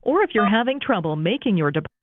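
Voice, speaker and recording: A woman's recorded phone menu voice heard over a phone line, in a polished, steady announcer delivery. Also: medium pitch, fast talker, no echo. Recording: tinny dry phone line.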